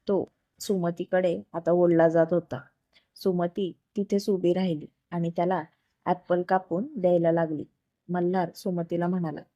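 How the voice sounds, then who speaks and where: A woman storyteller reading a romance story aloud in an even, unhurried way. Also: lowish voice, no room sound, muffled recording.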